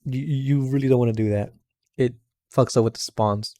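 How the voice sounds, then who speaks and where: A man's voice: medium pitch, fairly even intonation, normal speed, warm tone, dry recording, clean studio sound. A man talking casually as a streamer reacting to a video, rambling and repeating himself. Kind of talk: casual live reaction commentary.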